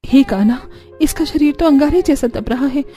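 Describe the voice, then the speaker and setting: A loving young mother pours out tender, urgent words, as a woman voices her in a cartoon story. Her voice is high and carries over faint background music. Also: normal speed, warm tone, natural voice. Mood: frantic. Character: devoted young mother, caring and brave.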